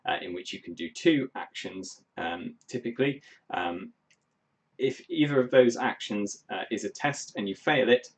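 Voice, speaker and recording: A man explaining the rules of a tabletop role-playing game in a halting way, with many ums and uhs. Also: low-pitched.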